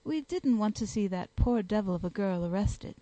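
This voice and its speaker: A woman reading an audiobook, voicing a calm, methodical male doctor-detective. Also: mid-range voice, moderate pace, dry recording, natural voice, poor audio. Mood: composed. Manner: composed, dry, methodical.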